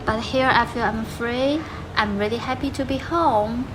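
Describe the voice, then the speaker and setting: A woman's voice: a little high, measured pace, noisy background. A young woman from rural Sichuan with a Chinese accent, guiding a walking tour and explaining things plainly. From Sichuan, China. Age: young adult. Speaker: tour guide. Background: background music.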